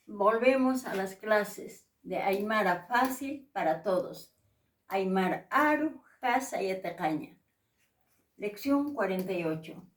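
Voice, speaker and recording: A woman teaching a language lesson, pronouncing words and their translations slowly and repeating each one with care. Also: mid-range voice, echoey room, far from the mic. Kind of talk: slow pronunciation lesson.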